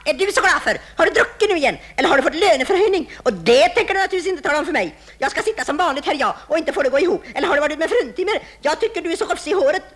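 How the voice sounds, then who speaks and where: A woman's voice: high-pitched, expressive, few pauses, fairly bright tone. An actress playing a nagging housewife who scolds her husband nonstop in a vintage radio comedy sketch. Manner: nagging, reproachful, theatrically wounded. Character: nagging middle-aged housewife, shrill and endlessly scolding.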